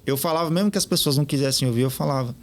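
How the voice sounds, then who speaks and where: A man, a podcast guest telling stories in an animated way and acting out what others said. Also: mid-range voice, rapid-fire. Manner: animated, quotes others in lively retellings. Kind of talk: casual storytelling interview.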